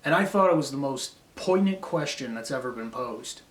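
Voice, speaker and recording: A man's voice: mid-range voice, lively intonation, moderate pace. A man delivering a rambling, profane, self-critical monologue, drifting between grudges and philosophy. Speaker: vlogger. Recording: roomy echo.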